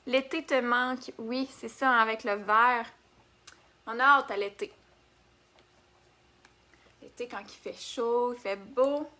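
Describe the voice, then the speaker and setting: Bright-voiced Québécoise makeup live host. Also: female voice, a little high, steady tone, slow pace, pauses often. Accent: Québécois French. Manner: chatty, reads and answers viewer comments while applying makeup. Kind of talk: casual live-stream makeup demo.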